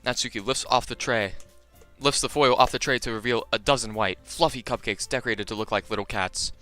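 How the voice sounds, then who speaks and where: A man's voice: mid-range voice, a little fast, soft background music. A young man reading a visual novel aloud on a live stream, joking with his chat between lines. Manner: animated, jokey, chatting to viewers between lines.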